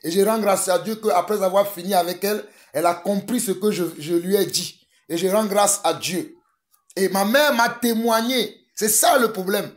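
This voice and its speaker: Speaking at normal speed in a high-sitting voice, a man from Togo whose first language is Togolese preaches fervently, mixing prayer with urgent calls and repetition.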